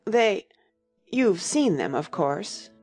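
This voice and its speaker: A woman voicing a sorrowful, drowsy male Mock Turtle who speaks slowly and takes offence easily, in a dramatized audiobook. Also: mid-range voice, sing-song, a little mellow, husky, faint music behind, full character voice. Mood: musing. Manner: slow, touchy, pedantic.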